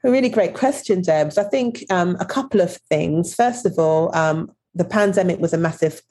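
A woman from Birmingham, England, speaking earnestly as a podcast guest, often pausing with ums and restarting her phrases. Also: lowish voice, warm tone, husky. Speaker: podcast guest, company CEO. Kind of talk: conversational interview.

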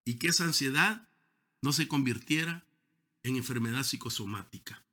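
Bright, forceful male preacher. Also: mid-range voice, normal speed. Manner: emphatic preaching, stretching key words, repeats himself. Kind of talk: sermon.

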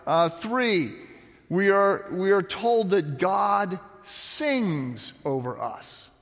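In a large hall with a long, ringing echo, a man delivers a sermon as animated stories, restarting often and using fillers. His voice is slightly high for a man and turns raspy when he speaks softly.

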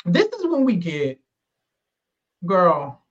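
Brief: male podcast co-host, high and swooping voice, slangy recap banter, dull lo-fi sound. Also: slow pace. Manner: animated, slangy, dramatic storytelling. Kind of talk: casual recap chat.

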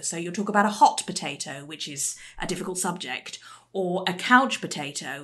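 A woman's voice: fairly low pitch, fairly bright tone. A woman co-hosting a podcast, chatty and enthusiastic. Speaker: podcast co-host. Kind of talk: casual podcast chat.

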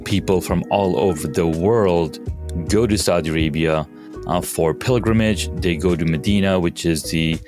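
Deep-voiced man from Pakistan. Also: music in the background. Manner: halting, many fillers and restarts. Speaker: guest. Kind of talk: casual interview talk.

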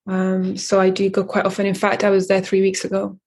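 An Eritrean woman who founded a coffee company answers interview questions in a measured way, with many fillers and restarts. Her medium-pitched voice is monotone, darkish, and slightly rough.

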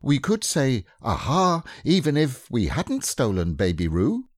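A man voicing a slow, humble, simple-minded male bear who speaks in a mild, earnest way in an audiobook reading. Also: mid-range voice, huge pitch swings, no room sound, clean studio sound, pitched above the performer's own voice.

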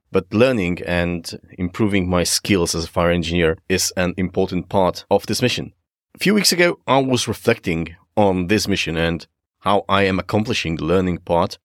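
A man's voice: low-pitched, no echo, clean studio sound. A man with a Polish accent hosting a podcast solo, enthusiastic and informal as he speaks directly to listeners. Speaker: podcast host. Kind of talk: solo podcast presenting, semi-scripted.

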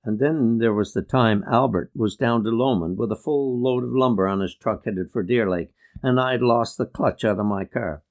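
A man reading a memoir aloud in a measured, reflective way. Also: medium pitch, a little mellow. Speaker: reader.

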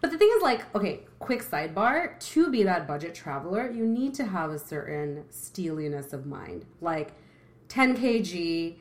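A woman from Brooklyn, a podcast guest, chatting in an animated way full of asides. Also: lowish voice, normal speed. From Brooklyn, New York. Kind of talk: casual chat.

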